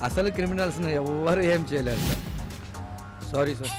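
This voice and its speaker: Man as a cynical police driver, chatty and weary, quick talk, film music. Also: a little high, natural voice. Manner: talkative, deferential, weary. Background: film score.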